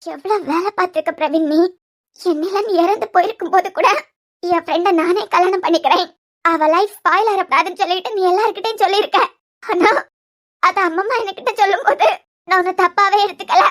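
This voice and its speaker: A wounded, bitter young wife in a homemade cartoon serial, voiced by a woman. Her voice sits extremely high and thin, and she speaks in a Kanyakumari Tamil accent, soft and tearful, with a reproachful edge. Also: a little fast.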